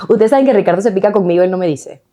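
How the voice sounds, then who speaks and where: A Venezuelan woman co-hosting a casual podcast, telling stories in a slangy, lively way full of quoted asides. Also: mid-range voice. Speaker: podcast co-host.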